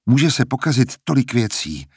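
A man's voice: mid-range voice, sing-song, darkish tone, breathy edge, no echo, studio quality, voice pushed up, exaggerated voice. A man voicing a cautious young man who keeps questioning a risky plan, in a storybook reading. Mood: worried. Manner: skeptical, questioning.

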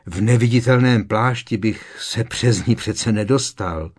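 A man's voice: on the low side, a little mellow, breathy edge. A man voicing an exasperated teenage boy wizard in an audiobook, protesting insistently. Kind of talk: audiobook character reading.

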